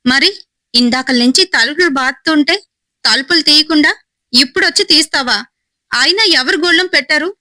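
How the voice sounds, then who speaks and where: A woman's voice: high-pitched, moderate pace, long pauses, bright, forceful tone, dry recording, pitched above the performer's own voice. A woman voicing a terrified young woman who cries and pleads in a panic. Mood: panicked pleading.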